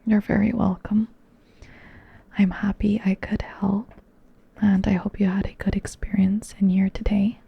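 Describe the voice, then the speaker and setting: Woman as a calm ASMR doctor, slow breathy whisper, flat and even, dull lo-fi sound. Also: mid-range voice, heavily acted. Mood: soothing. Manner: soft unvoiced whisper. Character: gentle woman doctor examining a patient. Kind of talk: ASMR roleplay.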